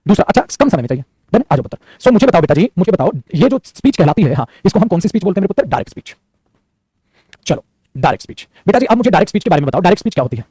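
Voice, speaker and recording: A male teacher giving an animated online grammar lesson, repeating phrases and calling his students son and child. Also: sits high, very fast, husky, no echo. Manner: animated, repeats lines, calls students "beta" and "putra".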